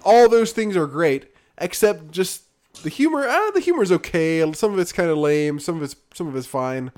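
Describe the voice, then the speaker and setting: A man's voice: on the high side, sing-song, normal speed, a little mellow. A man co-hosting a podcast, chatting casually about video games in a loose, rambling way full of fillers that often trails off. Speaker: podcast co-host.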